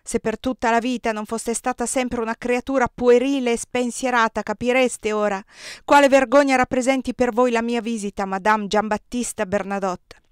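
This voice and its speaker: A woman reading an audiobook and voicing a weary, bitter middle-aged male emperor, clipped and low that flares into loud anger. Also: fairly even intonation, brisk, dry recording, clean studio sound, natural voice. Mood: bitter furious.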